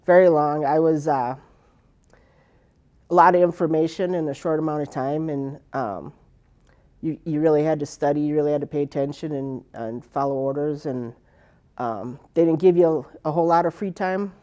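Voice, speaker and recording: In a personal oral history interview, an American woman who served in the Air Force recalls her past in a low, mellow voice at normal speed. She rambles, with many fillers and restarts.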